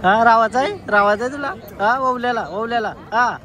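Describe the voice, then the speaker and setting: A young man vlogging casually with his family, lively and teasing as he calls out to the people around him. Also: very high-pitched, brisk, crowd noise. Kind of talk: casual family vlog chat.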